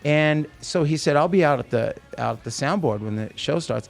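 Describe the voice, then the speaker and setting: Over soft background music, a male guest musician with a gravelly, fairly high voice tells a long backstage anecdote at a moderate pace during a casual interview. He tells it with animation, acting out the voices of the people he quotes.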